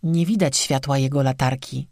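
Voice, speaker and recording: Narrator voicing a dazed young woman for a storybook, flat tone, dry sound. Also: medium pitch, normal speed, no room sound, close to an everyday voice. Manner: flat, toneless voice.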